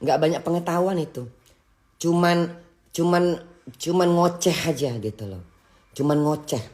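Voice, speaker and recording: A woman rants to her livestream audience in a scolding tone. Her speech is halting: she breaks off words and starts them again as she goes. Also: deep voice, a little mellow. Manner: halting and scolding, with many restarts. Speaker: livestream host. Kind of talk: casual livestream rant.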